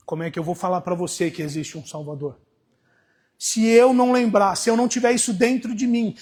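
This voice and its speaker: A male pastor with a Brazilian Portuguese accent preaching a sermon, dropping to hushed storytelling and rising to shouted exhortation. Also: very high voice.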